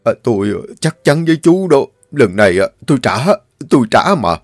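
A man's voice: medium pitch, sing-song, a little fast, no room sound, studio quality, faint music behind. A man voicing a frightened old man in debt, stammering and pleading fearfully in a storybook reading. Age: older.

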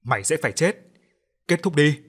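A man voicing the vengeful ghost of a burned young woman in a horror audiobook, hoarse and furious. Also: a little high, animated, normal speed, a bit bright. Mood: menacing. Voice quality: hoarse, rasping fury.

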